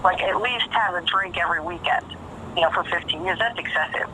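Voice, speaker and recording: A woman's voice: lowish voice, fairly quick, sharp tone, a little hiss or hum. A woman talking casually on a phone call, emphatic and profane, repeating phrases for stress. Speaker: caller.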